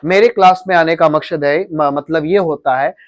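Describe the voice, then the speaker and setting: A man's voice: a little high, moderate pace. A man teaching grammar to a class of students, drilling them with repeated questions. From India.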